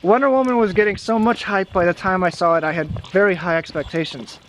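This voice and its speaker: A man's voice: high voice, fast talker, slight background noise. A young man co-hosting a casual vlog outdoors in the snow, reading viewer comments and chatting with hesitant fillers and restarts. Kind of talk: casual chat.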